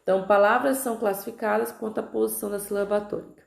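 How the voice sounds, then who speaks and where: A Brazilian Portuguese woman teaching a recorded grammar lesson, drawing out example words slowly and often checking in with her students. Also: medium pitch, fairly even intonation, vocal fry. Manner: slow, stretched-out pronunciation of example words, frequent "tá?" checks. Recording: echoey room.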